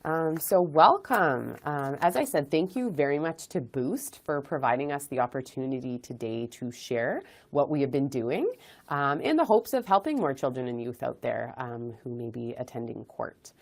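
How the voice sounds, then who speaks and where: A woman's voice: a bass voice, animated, normal speed. A woman hosting an informational webinar, explaining her program steadily with frequent ums. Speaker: webinar host, child advocacy director.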